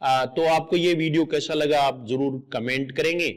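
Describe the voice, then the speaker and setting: A man with a high voice gives a grammar lesson for exam students. He explains patiently, step by step. He repeats each correct spelling aloud so it sticks. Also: fairly even intonation, moderate pace. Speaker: exam coaching teacher. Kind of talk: explanatory lecture.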